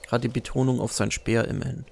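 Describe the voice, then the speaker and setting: A man's voice: mid-range voice, fairly even intonation, fast, creaky, slight background noise. A man casually commenting on his gameplay, chatting to himself and to the enemies he fights. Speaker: let's play commentator. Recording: game music loud behind.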